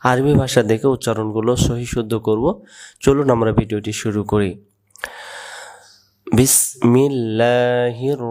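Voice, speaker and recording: A man with a Bangladeshi accent teaching Quran pronunciation, who speaks slowly and deliberately and draws out the Arabic words. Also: mid-range voice, darkish tone. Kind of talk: religious lesson on Quran pronunciation.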